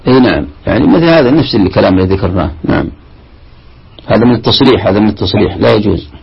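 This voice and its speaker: A man teaching a classical Arabic lesson on Quran commentary, halting and repeating himself as he explains. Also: on the low side, creaky, breathy edge, highs cut off.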